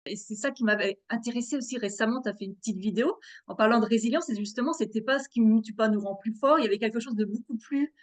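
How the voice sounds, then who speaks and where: A woman's voice: a little high, fast. A woman hosting an interview, curious and asking reflective questions in casual conversation. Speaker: interview host.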